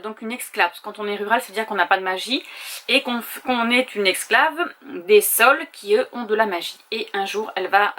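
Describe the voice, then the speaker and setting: A woman's voice: mid-range voice, sharp tone. A woman vlogger chatting casually at home, thinking aloud with small hesitations as she goes. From France. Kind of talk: casual chat.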